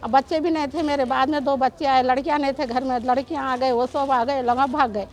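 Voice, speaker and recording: A woman's voice: sits high, steady tone, brisk. Urgent, pleading middle-aged woman. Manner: urgent, pleading, repeats herself. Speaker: shopkeeper telling of an assault. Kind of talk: emotional news interview testimony.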